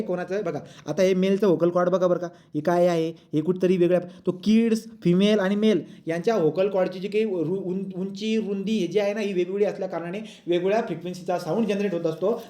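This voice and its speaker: Male teacher lecturing a class, fast and high-pitched, keeps checking understanding, mixes in English terms. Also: warm tone. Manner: asks pupils frequent check questions; mixes English textbook lines into Marathi. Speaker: physics teacher.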